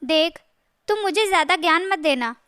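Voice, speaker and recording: A woman's voice: very high voice, lively intonation, moderate pace, pushed and bright, no room sound, studio quality, full character voice. A woman voicing a scornful old mother-in-law. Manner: scornful, scolding. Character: older scheming mother-in-law, harsh and scornful.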